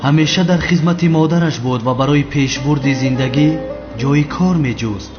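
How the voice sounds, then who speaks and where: An actor dubbing a preacher giving a measured, solemn sermon to a congregation. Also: male voice, on the high side, natural voice. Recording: dull lo-fi with loud music.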